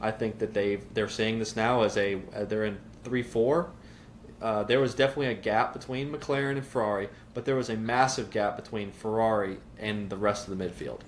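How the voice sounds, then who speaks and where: A man's voice: fairly low pitch, fairly even intonation, brisk, slight background noise. A man with a Southern US accent, a podcast co-host who argues his points firmly and at length in a casual debate.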